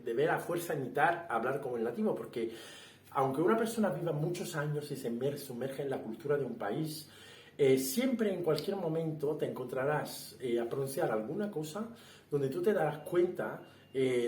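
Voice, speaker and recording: A man's voice: mid-range voice, darkish tone. A man giving a casual spoken language lesson, explaining with fillers, restarts and rhetorical questions. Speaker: language teacher. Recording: roomy echo, somewhat far from the mic.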